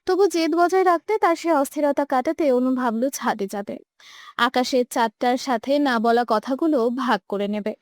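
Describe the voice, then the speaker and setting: A woman's voice: high voice, normal speed, no echo, clean studio sound. A young woman narrating a romantic audio story with emotive, dramatic delivery. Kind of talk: scripted narration.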